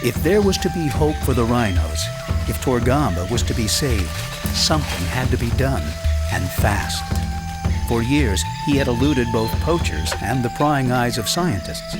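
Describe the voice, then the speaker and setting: A man reading scripted nature documentary narration in a measured, dramatic storytelling way. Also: medium pitch, very animated. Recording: loud music under the voice.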